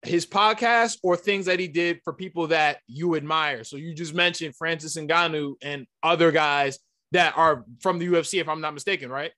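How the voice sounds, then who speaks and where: Dude w a high voice on a podcast, heated, keeps hammering the same point. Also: male voice, steady tone, moderate pace, bright, forceful tone. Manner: insistent, emphatic, repeats points. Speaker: podcast host.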